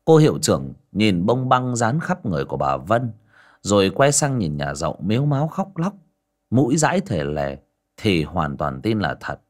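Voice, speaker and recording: A man's voice: lowish voice, very animated, normal speed, a little mellow. A man narrating a comic folk story in a colloquial, earthy way. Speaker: audiobook narrator.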